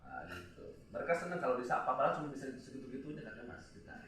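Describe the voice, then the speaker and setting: A man's voice: mid-range voice, background noise. Man teaching in an echoey classroom. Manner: joking, lively teaching with drawn-out spoken examples. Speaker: teacher at an Islamic boarding school. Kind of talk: classroom English lesson. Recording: echoey room, distant mic.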